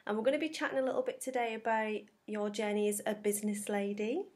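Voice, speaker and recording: A woman's voice: mid-range voice, steady tone, fast talker. A woman hosting a podcast, chatting informally and casually. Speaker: podcast host.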